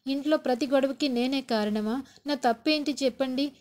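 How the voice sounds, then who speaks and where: A woman's voice: sits high, normal speed, darkish tone, natural voice. A woman voicing a hurt young daughter-in-law who pleads and complains about unfair blame. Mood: aggrieved.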